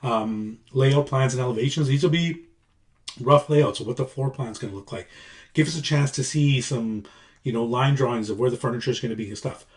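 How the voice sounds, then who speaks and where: A man, a construction coach casually explaining a design presentation in a relaxed, conversational way with frequent fillers and check-ins. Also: mid-range voice, brisk.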